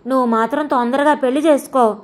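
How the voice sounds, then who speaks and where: A woman voicing a frail, bedridden old grandmother who speaks gently and with resignation, in an audio story. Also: high voice, steady tone, brisk, lightly acted. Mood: resigned.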